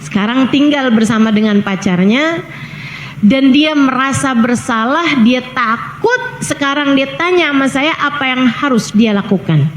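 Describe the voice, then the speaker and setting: A middle-aged woman with a high voice gives a relaxed religious lecture, chatting through a story with joking asides. She is heard in an echoey hall with a faint hum of noise behind her. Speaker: preacher.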